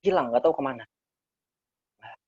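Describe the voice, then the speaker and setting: Husky-voiced man teaching Quran verses. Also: mid-range voice, a little fast, dry recording. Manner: explains Arabic verses phrase by phrase, repeating key words; addresses listeners as friends, relaxed and conversational. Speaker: Islamic teacher. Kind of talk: casual Quran study talk. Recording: slightly dull lo-fi recording.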